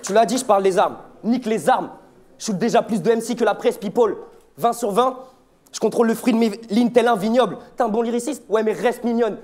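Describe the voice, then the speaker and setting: A man's voice: sits high, brisk, a little mellow. A young man from Belgium spitting aggressive, taunting rap battle verses without a beat. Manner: aggressive, taunting, punchy delivery. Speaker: battle rapper.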